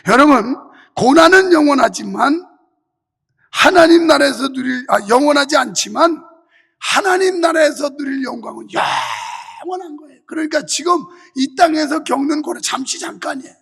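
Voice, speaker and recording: A male pastor preaching a fervent sermon with a strained voice and rhythmic, shouted refrains, in a church sanctuary. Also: extremely high pitch, very animated, moderate pace, creaky. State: voice strained from heavy use. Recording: reverberant church hall.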